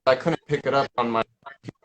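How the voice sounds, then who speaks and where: Male host for a casual live stream, mid-pitched, halting and full of fillers. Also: fairly even intonation, fairly bright tone, soft background music, poor audio. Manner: rambling, halting, with many fillers and restarts. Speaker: paranormal investigator hosting a live Q&A.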